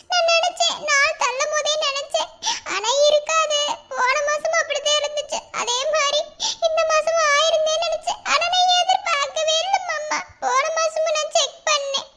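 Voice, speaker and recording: A woman doing a squeaky young Madurai wife. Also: pushed and bright, full character voice. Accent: Madurai Tamil. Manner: tearful, pleading, laughing through tears. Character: young village wife, emotional and teasing. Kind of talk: cartoon voice acting. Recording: noisy recording with clicks.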